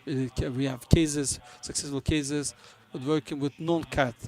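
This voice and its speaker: Halting non-native English-speaking man presenting. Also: on the high side, steady tone, darkish tone. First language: not English. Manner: halting, searching for words. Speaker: conference presenter for a banking software company. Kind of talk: business conference presentation.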